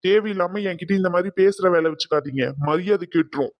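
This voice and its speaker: A man's voice: high-pitched, fast talker, no echo, dull audio, natural voice. A man voicing a stern young groom in a cartoon drama who lectures and defends his sister. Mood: angry.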